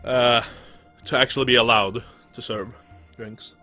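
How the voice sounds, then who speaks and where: A young man talks through a game stream in a loose, rambling way, swearing freely and restarting his sentences. His voice is bright and forceful, and he takes his time with his words. Soft game music plays quietly behind him. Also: mid-range voice, steady tone, unhurried. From Sweden. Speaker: gaming streamer. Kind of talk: let's play commentary, reading game text aloud.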